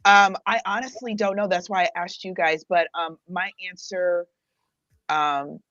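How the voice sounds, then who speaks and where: A woman's voice: on the low side, steady tone, a little slow, a bit bright, no room sound, muffled recording. A woman on a podcast panel in casual chat, playful and emphatic.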